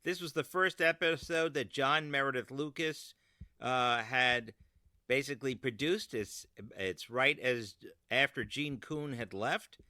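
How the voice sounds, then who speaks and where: Chatty male podcast host, bright voice. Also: mid-range voice, a little slow, no echo. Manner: chatty, laughs often. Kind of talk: casual podcast chat.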